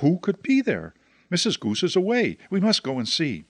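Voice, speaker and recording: A man's voice: high-pitched, huge pitch swings, moderate pace, husky, no room sound, voice pushed up, heavily acted. A man voicing a trio of anxious, fond little ducks in a read-aloud storybook, talking in an eager, worried way. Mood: curious.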